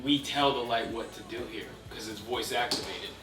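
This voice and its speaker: A man's voice: mid-range voice, fairly even intonation, moderate pace, over music. A man who owns a photo studio, cheerfully showing off its features. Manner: enthusiastic, easygoing. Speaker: studio owner. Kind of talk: casual explanation.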